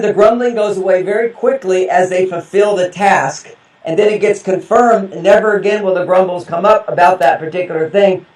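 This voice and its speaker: High-voiced man telling stories, echoey room. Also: creaky. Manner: animated, laughs often, acts out quotes. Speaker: guest relationship expert. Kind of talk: interview storytelling. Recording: roomy echo, distant mic.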